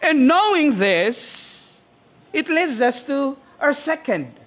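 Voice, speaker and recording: A man with a Filipino accent preaching a sermon, pausing often to ask "okay?" as he explains. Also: extremely high pitch, sing-song, fairly bright tone. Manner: slow, deliberate preaching with frequent "okay?" check-ins.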